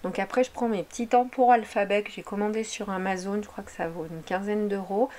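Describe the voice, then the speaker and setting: A woman's voice: mid-range voice, fairly even intonation, brisk, darkish tone. A woman talking casually over her craft video, chatty and meandering, often correcting herself mid-sentence. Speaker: craft vlogger.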